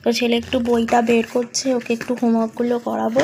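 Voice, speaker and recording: A young woman with a slightly hoarse voice from a cold, chatting casually to viewers in a home vlog while she does her chores. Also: a little high, completely flat delivery, fast talker, dark tone, slight background noise. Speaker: vlogger.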